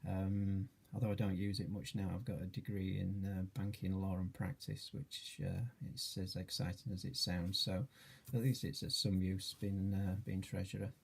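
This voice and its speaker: Low, gravelly, husky middle-aged man. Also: little pitch movement, moderate pace, few pauses. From Yorkshire, England. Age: 40s. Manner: hesitant, many fillers, modest. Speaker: charity trustee and treasurer. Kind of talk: self-introduction video.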